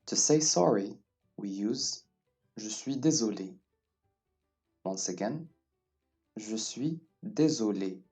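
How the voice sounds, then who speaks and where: A man's voice: lowish voice, expressive, slow pace, long pauses, darkish tone. A man teaching a beginner French lesson, patiently saying each phrase and then repeating it. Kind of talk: slow beginner language lesson. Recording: distant mic with faint background music.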